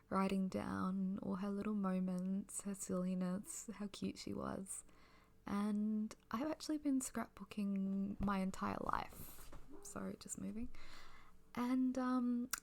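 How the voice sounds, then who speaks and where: A young adult woman giving a sleepy, casual ASMR ramble in a soft, breathy, near-whispered voice. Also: mid-range voice.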